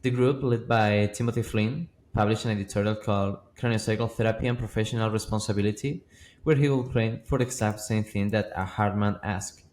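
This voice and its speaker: A man's voice: fairly low pitch, steady tone, fairly quick, darkish tone, slight background noise. A man co-hosting a podcast as a physiotherapist, earnestly walking through sources with frequent restarts. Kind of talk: conversational podcast discussion.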